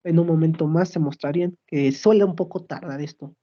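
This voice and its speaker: A woman's voice: low-pitched, brisk, mellow, lo-fi sound. A woman explaining a database app step by step in a screen-recorded demo, checking in with her audience as she goes. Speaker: student presenting a project.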